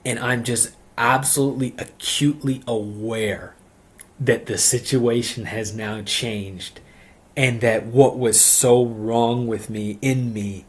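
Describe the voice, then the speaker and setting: A man telling his personal conversion testimony in an earnest, halting way, repeating phrases and often saying "like". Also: mid-range voice, fairly even intonation. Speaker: speaker giving a religious testimony.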